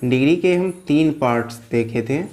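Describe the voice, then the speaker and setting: A man's voice: medium pitch, normal speed, darkish tone. Guy teaching grammar on video, asks a question then answers it himself, says every word twice. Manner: drills points by asking and answering his own questions; addresses viewers as friends, repeats key words. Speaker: English teacher. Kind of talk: explaining a grammar lesson.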